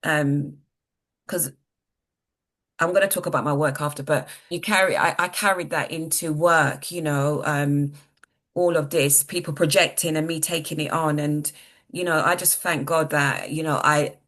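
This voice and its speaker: A woman in her sixties, telling her story earnestly as an interview guest, halting and repeating words. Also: low-pitched, fairly even intonation, a bit bright. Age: 60s. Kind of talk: personal testimony in an interview.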